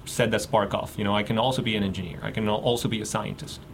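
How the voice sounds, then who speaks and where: A man from Mexico, a guest researcher in a radio interview, talking haltingly with many fillers and restarts. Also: fairly low pitch, steady tone, creaky, a little hiss or hum.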